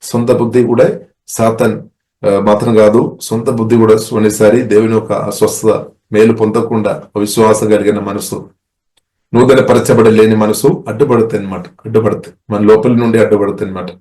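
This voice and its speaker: A man from India preaching a sermon as a pastor, with a halting delivery full of restarts and filler phrases. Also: fairly low pitch, little pitch movement, warm tone, echoey room.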